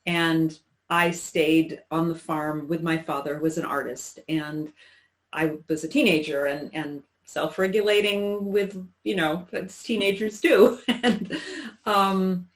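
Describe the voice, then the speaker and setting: A woman in her sixties, appearing as an interview guest, shares personal recollections in conversation. She speaks haltingly and reflectively, restarting often, in a voice on the low side. The recording is rough.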